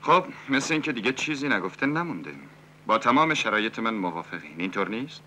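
A man playing a scheming, smooth-talking cabaret owner in a dubbed 1970s film. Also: on the low side, big pitch swings, pushed and bright, slight background noise. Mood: persuasive.

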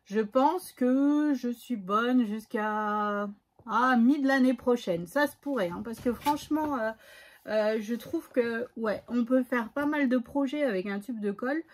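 Woman, higher voice, chatty haul talk, hesitant with fillers. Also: unhurried. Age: adult, has a son. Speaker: scrapbooking vlogger. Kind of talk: casual haul chat.

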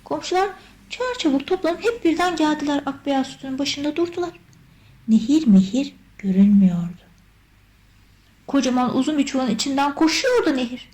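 A woman narrating a children's story in an expressive, measured storytelling voice. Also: high-pitched, rough recording.

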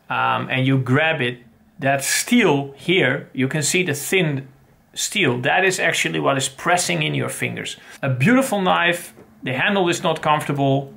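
In his home study lined with bookshelves, a middle-aged man hosts his own channel, casually reviewing pocket knives on a desk webcam. He rambles loosely with lots of fillers and restarts, and his fairly high voice is gravelly, pushed, and bright.

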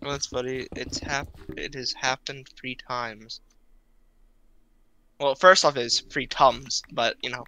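Bright-voiced man with dry humor. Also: medium pitch, steady tone, unhurried, long pauses, a little hiss or hum, poor audio. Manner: dry, self-mocking humor. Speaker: streamer. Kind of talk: casual gaming chat.

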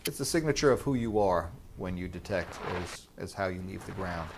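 Low-voiced thoughtful detectorist man. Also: animated, normal speed, gravelly, noisy background. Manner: thoughtful, conversational fillers. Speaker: metal detectorist. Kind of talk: documentary interview.

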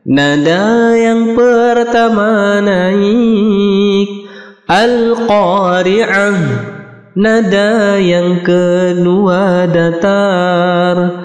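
A man chants Quranic verses in a high, soaring voice, stretching every phrase very slowly. The recitation rings through a long hall reverb, with faint music underneath. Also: fairly even intonation. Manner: slow, drawn-out sung phrases.

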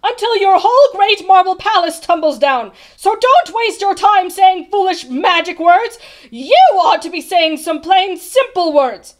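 A woman voicing an outspoken, earnest boy in a storybook, speaking in a forceful, scolding way. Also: high voice, animated, drawn-out words, few pauses, full character voice. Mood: angry shouting. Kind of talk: storybook character voice.

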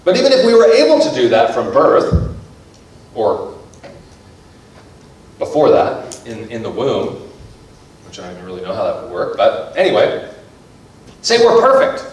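A male pastor delivers a casual, conversational sermon, his pitch sitting a little high and swinging widely as he acts out everyday voices. He is heard from some distance off the mic. The sound rings heavily around a large, echoey church room. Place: church sanctuary.

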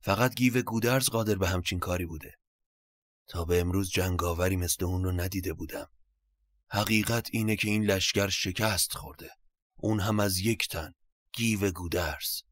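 A man's voice: sits low, steady tone, fairly bright tone, dry recording. A man voicing a grim commander who soberly reports a defeat to his king. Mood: grave.

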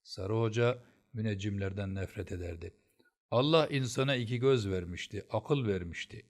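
A man reading a historical novel aloud as narrator, in a measured storytelling way. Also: on the low side. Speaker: audiobook narrator.

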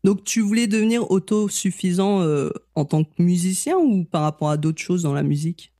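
A man's voice: high voice, lively intonation, moderate pace, dark tone, dry recording, studio quality. A man hosting a podcast interview, chatting in a friendly way with frequent filler sounds. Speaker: podcast host. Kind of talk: casual interview chat.

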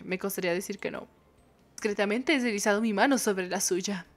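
A woman's voice: on the high side, sharp tone. A young woman with a Mexican accent, reading a dating game aloud and reacting with playful squeals and joking swears. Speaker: gamer.

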